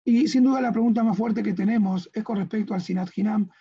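This Argentine-accented rabbi talks quickly in a high, mellow voice with a breathy edge, recorded in lo-fi sound. Using slides, he gives an earnest religious lesson and keeps asking his listeners to agree and confirm they are following.

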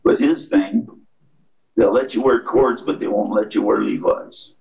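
A man's voice: fairly low pitch, steady tone, unhurried, a little mellow, a little hiss or hum. A man in a church Bible study discussion, blunt and challenging, recorded by a far camera in a meeting room. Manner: gravelly, blunt, challenging questions. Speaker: class member.

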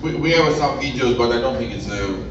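A man born in Armenia, an English speaker, giving an earnest, halting speech at an event with many restarts. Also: medium pitch. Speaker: guest speaker. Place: large event hall. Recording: echoey lo-fi hall, distant mic, noisy.

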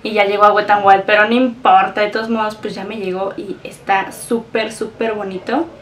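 A woman's voice: mid-range voice, little pitch movement, normal speed, distant mic, a little hiss or hum, low-quality recording. A young woman with a Mexican accent, gushing and emotional as she unboxes a package for her vlog. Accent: Mexican Spanish. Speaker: beauty vlogger.

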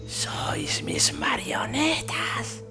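A man's voice: sits high, huge pitch swings, drawn-out words, sharp tone, soft background music, exaggerated voice. A man whispering as a creepy possessing demon. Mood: eerie whisper. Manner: whispering, menacing. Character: possessing demon spirit wanting to play.

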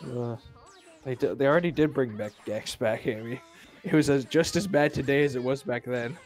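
A man's voice: mid-range voice, normal speed, darkish tone, soft background music. Joking young male co-commentator. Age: 20s. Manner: joking, playful banter. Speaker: fighting game co-commentator. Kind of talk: casual esports commentary.

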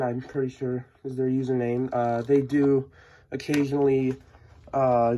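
A man with a stuffy, sniffling head cold hosts a casual unboxing vlog, talking with mild excitement. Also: mid-range voice, a little hiss or hum. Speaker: host of a sports card unboxing channel. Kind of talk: casual mail-day vlog narration. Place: indoor room at a tabletop.

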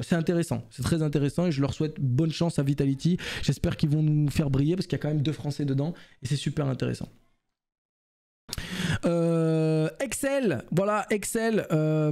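A man's voice: fairly high pitch, dark tone. A man hosting a casual esports news commentary, chatty and full of fillers and restarts.

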